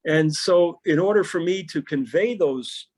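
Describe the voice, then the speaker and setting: A man's voice: a little high, unhurried, darkish tone. A middle-aged pastor in a podcast interview, telling stories animatedly and often repeating words as he starts a thought.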